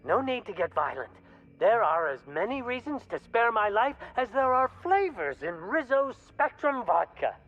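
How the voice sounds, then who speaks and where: Wildly animated, panicky mascot guy. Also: extremely high pitch, normal speed, highs cut off, heavily acted. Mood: nervous bargaining. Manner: flustered, pleading, effusive. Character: panicky, folksy male sports mascot turned bumbling errand runner. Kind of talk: video game character acting.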